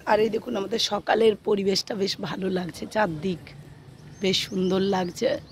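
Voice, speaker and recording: Chatting into a handheld phone on a morning rooftop, a middle-aged woman hoarse with a cold keeps her casual vlog soft, slow, and full of fillers. She holds a steady tone at medium pitch, and a little hiss or hum is audible.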